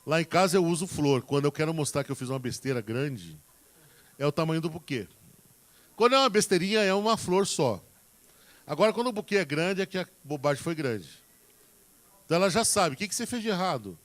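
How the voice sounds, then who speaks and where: A man's voice: on the high side, expressive, brisk, pauses often, fairly bright tone. A man preaching a sermon on marriage, talking in a folksy, direct way to the congregation and acting out everyday examples in quoted voices. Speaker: preacher giving marriage advice.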